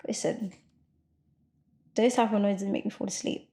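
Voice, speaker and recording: A woman co-hosting a podcast, chatting casually and quick to protest in an exasperated way. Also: mid-range voice, steady tone, mellow. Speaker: podcast co-host. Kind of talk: casual chat.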